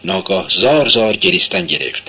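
Husky forceful male narrator. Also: deep voice, expressive, highs cut off. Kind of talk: dramatic literary reading.

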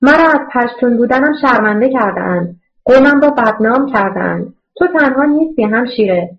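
A woman reading an audiobook voices a kind, earnest man who runs an orphanage, speaking in a gentle, reassuring way. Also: on the high side, lively intonation, dull audio. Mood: consoling. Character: kind middle-aged male orphanage director, earnest.

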